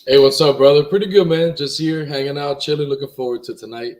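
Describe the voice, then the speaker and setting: A man's voice: a little high, fairly even intonation, quick pace, darkish tone, a little hiss or hum. A young man from Miami whose first language is Spanish, talking casually as a guest with lots of fillers and restarts. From Miami, Florida. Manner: laid-back, rambling, many fillers and restarts. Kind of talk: casual interview talk.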